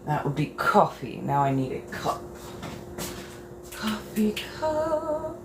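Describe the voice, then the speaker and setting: Getting ready in a bathroom, a woman hosts a casual livestream, flirtatious and theatrical, calling her viewers darling. Her medium-pitched voice is sing-song and slow, with clear background noise.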